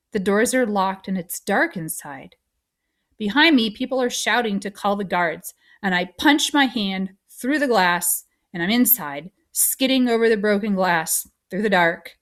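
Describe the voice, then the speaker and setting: A woman reading a novel aloud, expressive. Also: mid-range voice. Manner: expressive first-person narration. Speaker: audiobook reader.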